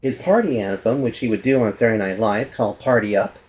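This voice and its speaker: A man hosting and narrating a casual documentary about a musician, chatty and quick to correct himself aloud. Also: lowish voice, darkish tone, soft background music. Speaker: host.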